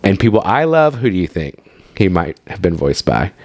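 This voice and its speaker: Male podcast co-host, lower voice, upbeat trivia-sharing banter. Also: sing-song, normal speed, a little mellow. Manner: enthusiastic, chatty, trivia-sharing. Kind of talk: casual chat.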